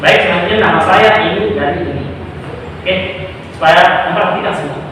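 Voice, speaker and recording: A man's voice: high voice, brisk. A male school counselor leading a group counseling session, patiently explaining and checking that everyone understands. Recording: echoey room from far off, noisy.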